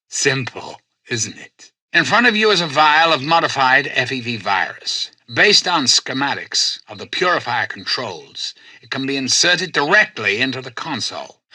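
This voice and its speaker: A male computer president for a video game, polite yet commanding and quietly manipulative. The voice is very bright and forceful with some huskiness, swinging widely in pitch. The delivery is measured, formal and persuasive, with a faint note of condescension. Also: husky, dry recording, exaggerated voice. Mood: calmly coaxing. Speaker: voice actor. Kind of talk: video game character dialogue.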